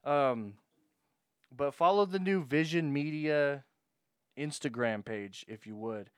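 A man co-hosts a podcast with a somewhat high voice. The sound is dry and close. He talks bluntly and curses freely. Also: slow pace, clean tone, no room sound. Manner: blunt, profane, plugs the show. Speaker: podcast co-host. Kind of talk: casual banter.

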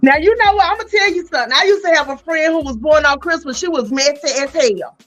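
A woman from North Carolina, hosting a casual chat podcast in a loud, playful, slangy way. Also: high voice, expressive, fast, soft background music. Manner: loud, playful, chatty, drops into Southern slang. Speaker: podcast host.

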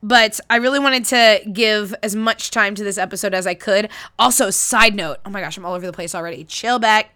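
A woman's voice: mid-range voice, fairly quick, hardly any pauses, pushed and bright, no echo, studio quality. A woman hosting a chatty solo podcast in a casual, cheeky, sweary way, her voice nasal and congested as if she has a sniffly nose. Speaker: podcast host.

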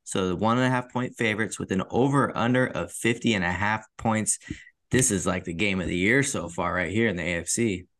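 A man's voice: fairly low pitch, brisk, fairly bright tone, dry recording. A man co-hosting a casual sports podcast, laid-back, swearing freely and laughing often. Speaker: podcast co-host.

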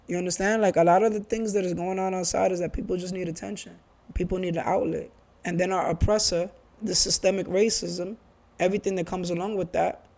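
A man in his thirties from the Bronx, New York, chats casually and earnestly, talking through his views in a loose, conversational way. His voice is high for a man but mellow and soft-edged. He often restarts sentences and repeats himself for emphasis.

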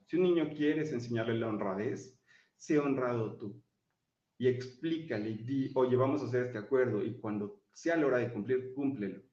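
A man talks earnestly as a guest, explaining his views in a measured, conversational way. His voice sits at a middle pitch, and the recording is dull and muffled with a roomy echo. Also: a little mellow, distant mic. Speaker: guest speaker. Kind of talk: casual chat. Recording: dull, echoey sound.

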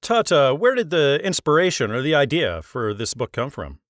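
A man's voice: medium pitch, big pitch swings, moderate pace, fairly bright tone, no echo, clean studio sound. A man hosting an author interview show, asking friendly questions and promoting the books.

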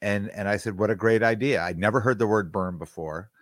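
A middle-aged podcast co-host spins long, casual stories, rambling with lots of false starts and restarts. His voice is lowish and brisk, recorded at studio quality with no echo.

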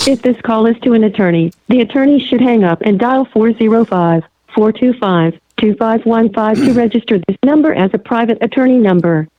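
A woman's recorded voice announcing a collect call on a prison payphone line, in an even announcer delivery. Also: fairly high pitch, dry recording. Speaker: automated collect call message. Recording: tinny distant phone line.

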